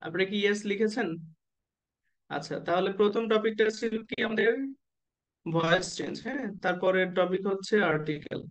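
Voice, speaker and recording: A man tutoring nursing exam candidates in an online class, who keeps asking the students questions and slowly spells out letters and abbreviations. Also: high voice. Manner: asks the class questions and waits for answers.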